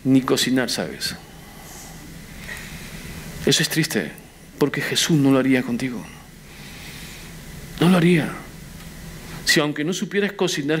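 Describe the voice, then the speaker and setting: A man's voice: fairly high pitch, a bit bright, a little hiss or hum. A man preaching a sermon, questioning the congregation directly and pressing his points with earnest emphasis. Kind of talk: Spanish-language sermon. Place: church.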